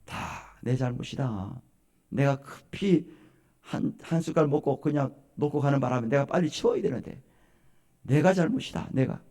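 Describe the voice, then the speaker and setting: A man's voice: mid-range voice, normal speed, natural voice. A man voicing an older father-in-law, head of the house, in a sermon anecdote. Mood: apologetic. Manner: loud, finger-pointing tirade.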